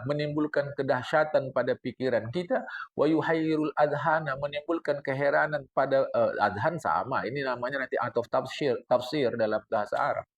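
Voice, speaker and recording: Older preacher with a gravelly voice. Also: male voice, medium pitch. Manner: animated lecturing, addresses the congregation, recites Arabic text then explains. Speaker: religious teacher. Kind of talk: mosque study-circle sermon.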